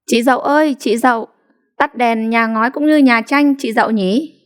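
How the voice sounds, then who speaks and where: Storybook teasing schoolkids, mocking sing-song chants, voice jumped way up high a woman reader doing them. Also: brisk, lightly acted. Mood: jeering. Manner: jeering, sing-song taunts.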